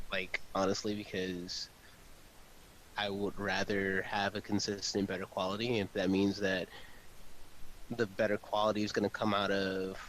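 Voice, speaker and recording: A voice-over director and audio editor chats casually during collaborative work, speaking informally, swearing, and saying "like" a lot. His voice is fairly low with a fairly bright tone, and the poor audio has slight background noise.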